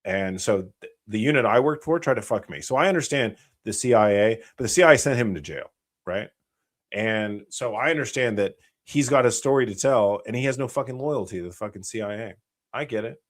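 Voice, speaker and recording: American guy on a live stream, kinda low voice, swears a lot, just rambles on. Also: expressive, fairly quick. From United States. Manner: blunt, profane, rambling. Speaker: channel host, former special operations soldier.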